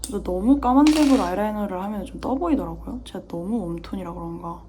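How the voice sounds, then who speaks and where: A young woman chats through her daily makeup routine in a soft, mellow voice, talking to herself as much as to the viewers. When she concentrates she drops to a near-whisper. A faint hum of room noise sits behind her. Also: medium pitch, expressive, fast. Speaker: beauty vlogger. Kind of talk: chatty get-ready-with-me makeup vlog.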